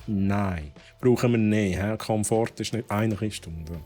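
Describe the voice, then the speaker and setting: Slow-talking Swiss German gamer. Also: male voice, lowish voice, dark tone, soft background music. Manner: thinks aloud while playing, drops English exclamations. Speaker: gaming streamer. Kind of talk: casual let's-play commentary.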